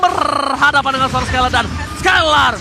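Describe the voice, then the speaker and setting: A man with an Indonesian accent doing esports commentary like a fighting game announcer, shouting excitedly with drawn-out calls and English catchphrases. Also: very high-pitched, over a noisy crowd. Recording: music behind the voice. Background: music.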